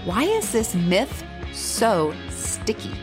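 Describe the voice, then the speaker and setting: A woman hosts a podcast and narrates from a script. Her pitch moves a lot and her delivery is wry. Faint music plays underneath. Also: sing-song, takes it slowly. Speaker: podcast host.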